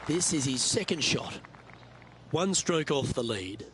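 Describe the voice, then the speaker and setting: A man's voice: medium pitch, lively intonation, a little slow. A man giving live play-by-play golf commentary as a tournament commentator. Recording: crowd and loud outdoor noise behind. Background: tournament crowd, outdoor ambience.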